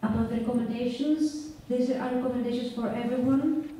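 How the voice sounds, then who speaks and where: A woman's voice: a little high, steady tone, fairly quick, warm tone. Greek-born woman speaking in an echoey hall. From Greece. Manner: earnest, hesitant with fillers. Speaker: symposium audience speaker. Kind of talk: open forum remarks. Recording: distant mic in echoey hall, faint noise.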